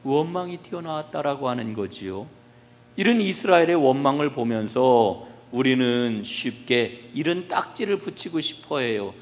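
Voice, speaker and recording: A male pastor preaching a sermon, questioning the congregation and swinging between soft, low passages and loud emphasis. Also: expressive, moderate pace. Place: church sanctuary. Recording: long reverb of a church hall.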